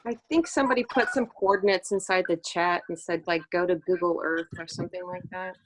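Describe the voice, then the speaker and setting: A woman's voice: on the low side, fairly even intonation, a little fast. A woman taking part in a casual group video call, speaking in a chatty way. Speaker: participant. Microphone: video call mic.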